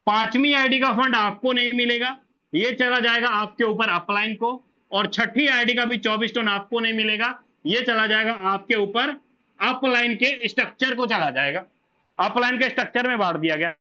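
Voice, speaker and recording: A man's voice: extremely high pitch, moderate pace, sharp tone. A man explaining a referral income plan step by step. He keeps repeating himself and asks questions that he then answers himself. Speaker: crypto plan presenter. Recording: dull lo-fi audio.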